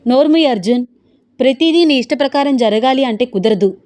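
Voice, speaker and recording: A woman's voice: sits high, expressive, fairly quick, darkish tone, voice pushed up. A woman voicing a firm, traditional middle-aged mother who insists sternly in a storybook reading.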